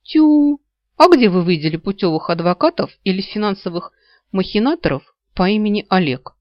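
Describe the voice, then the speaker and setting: A woman's voice: medium pitch, lively intonation, normal speed, dry recording, pitched above the performer's own voice, close to an everyday voice. A woman voicing a sly, greedy male talking dog who whines and wheedles nasally, in a storybook reading. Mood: smug. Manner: whiny mock-beggar wheedling, nasal. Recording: slightly dull lo-fi audio.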